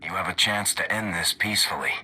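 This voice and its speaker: A man's voice: sits low, brisk, pushed and bright, a little hiss or hum. An actor playing a firm, commanding male military captain.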